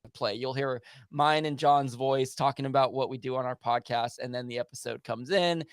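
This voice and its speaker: A man's voice: mid-range voice, moderate pace, smooth, dry recording, clean studio sound. A man hosting a casual podcast chat, talking in an eager, rambling way. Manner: enthusiastic, rambling. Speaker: podcast host.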